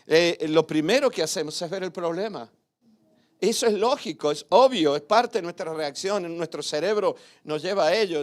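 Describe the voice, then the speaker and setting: A man preaching a sermon in a slightly high voice. He talks to his listeners conversationally, firing off rhetorical questions and little tag questions. He moves easily between raised, emphatic points and soft asides. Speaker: pastor.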